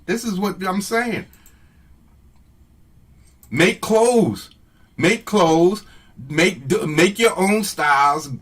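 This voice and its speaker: A man on a live stream speaks to his viewers in a slightly raised voice. He talks slowly and emphatically, repeating lines to drive each point home with a preachy edge. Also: high-pitched, lively intonation, fairly bright tone, slightly rough. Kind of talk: casual live-stream commentary.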